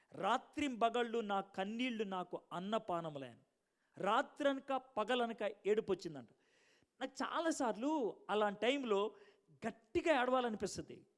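Preacher guy, high voice, goes loud then real quiet telling his story. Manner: lively storytelling preaching, swinging between loud bursts and hushed asides. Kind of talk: sermon.

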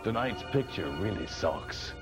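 A man's voice: lowish voice, lively intonation, unhurried. A man speaking as a campy horror host, a mad monk with theatrical, joking patter full of puns. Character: campy mad old monk hosting late-night horror films. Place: small TV studio set. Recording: 1980s TV broadcast with music behind.

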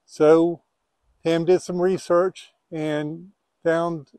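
A middle-aged man presents an outdoor vlog in a plain-spoken, conversational way. His voice sits a little high for a man. The lapel mic gives a dry sound with no room echo. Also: little pitch movement, extremely slow, dark tone. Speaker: homestead video host. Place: open windy valley field outdoors.

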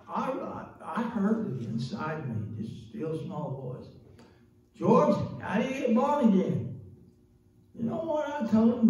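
A man's voice: high voice, warm tone, muffled recording. An older man preaching a folksy sermon in a small church, holding a handheld microphone, chatty, often saying "praise God" and laughing. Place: small church sanctuary, indoors. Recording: very echoey room, voice from a distance.

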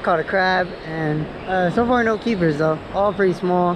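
A man's voice: high-pitched, moderate pace. Young man vlogging on a windy beach. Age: young adult. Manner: excitable, slangy, calls out catches. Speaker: fishing vlogger. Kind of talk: casual vlog chat. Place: windy ocean beach outdoors. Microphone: head-mounted action camera. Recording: noisy beach wind and waves. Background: surf and wind.

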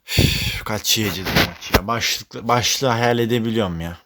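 A young man talks over his own football video game match as he plays. He sounds exasperated and curses often, breaking into loud frustrated outbursts. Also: on the low side, moderate pace, heavy background noise. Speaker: gaming YouTuber. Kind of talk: live gameplay commentary.

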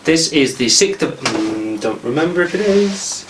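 A man's voice: a little high, expressive, a little slow. A man hosting a casual vlog, stumbling over his words, restarting and swearing at his own slip-ups. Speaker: vlog host. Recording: noisy background.

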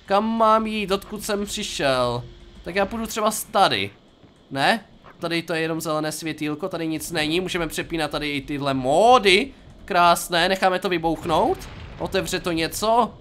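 A man's voice: sits high, a bit bright. A young Czech man giving playful, jokey commentary while playing a game, talking to himself and to his viewers. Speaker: gaming YouTuber. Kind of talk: casual gameplay commentary.

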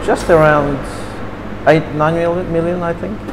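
Sitting indoors at a café table, a man from Turkey in his fifties recalls his childhood for an interview, animated and talkative, gesturing as he goes, his English a bit broken. His voice is a little high and his pace measured. The camera opposite him picks up a large-hall sound and a noisy background.

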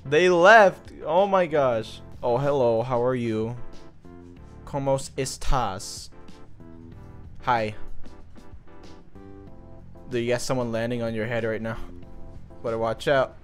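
Brief: young male gamer, animated and playful, mid-range voice, faint music bed. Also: medium pitch, takes it slowly, pauses often. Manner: animated, playful, shouts at the game. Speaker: gaming video creator. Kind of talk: excited gameplay commentary. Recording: game music playing softly behind.

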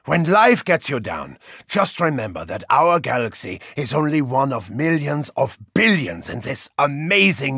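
A man with a fairly high, gravelly and raspy voice plays a brash, hot-tempered German football hooligan turned action hero in video game voice lines, speaking with a German accent. His heavily acted, bombastic delivery swings theatrically from growl to shout. The recording is clean studio sound with no echo.

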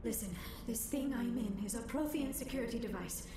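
A woman's voice: fairly high pitch, fairly quick, a crowd in the background, close to an everyday voice. An actress playing an anxious, earnest young female alien scientist in a video game, speaking in careful formal words. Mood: urgent. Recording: echoey, distant game audio with noise.

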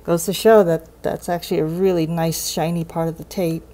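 Working at an indoor desk, a woman walks through a cassette tape repair without a script, hesitating as she thinks out loud. She has a warm, lowish voice with little pitch movement and a moderate pace.

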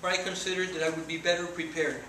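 A man from Mexico in his forties, Spanish being his first language, gives an earnest guest talk to students in a lecture room, gesturing as he goes. His Mexican-accented voice is on the high side, steady, sharp, and quick-paced. Because a far camera recorded it, the sound is echoey, distant, and noisy.

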